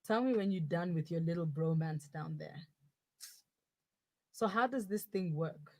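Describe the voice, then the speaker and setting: Brief: woman voicing a sarcastic young girlfriend in the wrong body, comic audio drama, lowish voice, dead dry sound. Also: unhurried, darkish tone, no room sound. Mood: impatient. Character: blunt young woman stuck in her boyfriend's body.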